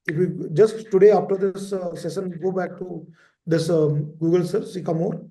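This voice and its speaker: A man's voice: sits high, fairly even intonation, moderate pace, dark tone. A man, teaching a lecture class and often repeating key terms and checking in with "right?". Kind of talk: lecture for exam preparation. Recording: echoey room.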